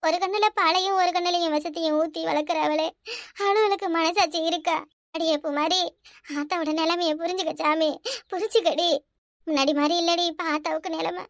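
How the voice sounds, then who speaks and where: A woman doing a shrill, scolding village mother. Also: steady tone, no room sound, studio quality. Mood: lamenting. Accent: Kanyakumari Tamil. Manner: shrill scolding, threatening, rapid-fire. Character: harsh, worn-out village mother, scolding and bitter. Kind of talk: cartoon voice acting.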